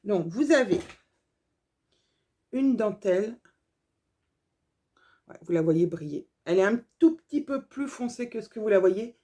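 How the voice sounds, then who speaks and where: A woman's voice: medium pitch, animated, a little slow, long pauses, warm tone. A woman sewing vlogger chatting casually through a haul video, gushing over small details with lots of fillers.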